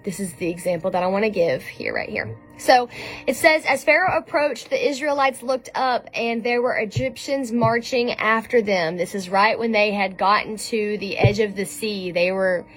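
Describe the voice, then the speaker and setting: A woman giving an informal sermon in a conversational way, often pausing with ums and restarting her sentences. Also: mid-range voice. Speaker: speaker giving a devotional message. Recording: soft music underneath.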